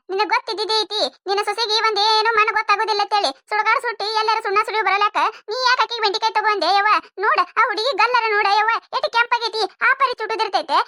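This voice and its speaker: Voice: very high-pitched, bright, forceful tone, no room sound, clean studio sound. A voice actor playing a gossipy, tut-tutting older village neighbor with a North Karnataka accent in a cartoon comedy.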